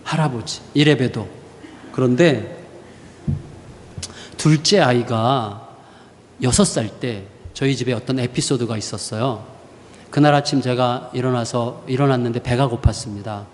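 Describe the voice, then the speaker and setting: A man's voice: mid-range voice, measured pace, pauses often, big-room sound, a little hiss or hum. A man in his forties preaching a sermon as a pastor, telling stories with acted-out quotes and humorous asides. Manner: storytelling with lively acted-out quotes; self-described short-tempered, humorous asides. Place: church sanctuary.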